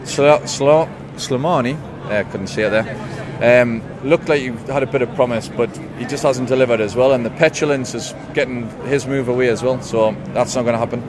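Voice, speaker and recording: A man's voice: medium pitch, normal speed, few pauses. Blunt wry man on a busy street. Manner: blunt, wry, colourful comparisons. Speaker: football fan interviewee. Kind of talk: casual opinion. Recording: crowd chatter behind.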